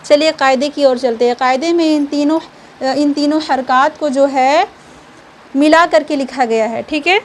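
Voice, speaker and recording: A young woman with a high voice leads an online reading lesson, speaking patiently and checking in with her listeners often. She stretches each syllable slowly so every sound comes through clearly, with faint noise beneath her voice.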